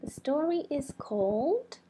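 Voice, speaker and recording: A woman presenting an animated story for young children like a kids' show opener, addressing them directly with expressive dramatic delivery. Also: sits high, a little hiss or hum. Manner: expressive, slow, with dramatic hushes and exclamations.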